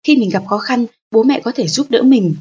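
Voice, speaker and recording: Husky-voiced woman reading an audiobook. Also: a little high, lively intonation, moderate pace, warm tone, highs cut off. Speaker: audiobook narrator. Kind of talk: scripted audiobook narration of a parenting book.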